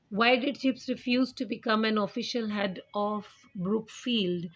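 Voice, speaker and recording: A woman teacher who reads English lines slowly and then explains them with synonyms, calling her students "beta". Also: medium pitch, poor audio. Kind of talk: explaining an English novel chapter in Urdu-Hindi.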